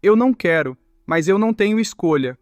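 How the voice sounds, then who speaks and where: A man's voice: high voice, expressive, brisk, no room sound, studio quality, faint music behind. A man voicing a cocky, hot-tempered young man who swears and complains.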